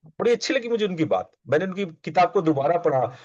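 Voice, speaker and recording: A man's voice: high voice, sing-song, a little fast, a little mellow, no echo. Male spiritual teacher, coaxing conversational discourse, repeats himself for emphasis; dry, dull recording.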